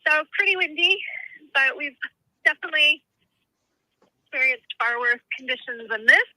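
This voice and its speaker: A woman's voice comes through a speakerphone, very bright and sharp-edged, with a dry, close sound. She calls in to report live and speaks haltingly, often breaking off mid-sentence before picking the thought back up. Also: sits high, lively intonation, no echo, poor audio. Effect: heard over a speakerphone call. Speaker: caller from a storm area.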